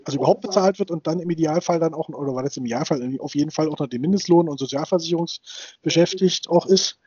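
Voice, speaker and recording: This thirty-something podcast co-host chats casually, wandering off track and restarting sentences amid plenty of fillers. He speaks fast in a slightly high, mellow voice with a breathy edge. The audio is dull and dry.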